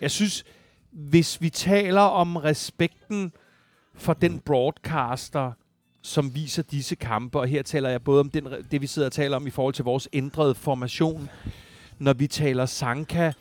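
A man's voice: a little high, steady tone. A man co-hosting a podcast in a heated casual debate, talking at length with frequent restarts and rising when worked up. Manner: wordy, restarts often, rises when worked up. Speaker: podcast co-host.

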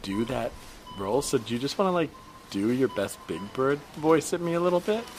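A man playing a blunt, probing woman shopper and young mother who questions a stranger with deadpan persistence in an improvised comedy scene. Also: mid-range voice, a little fast, soft background music, lightly acted. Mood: polite.

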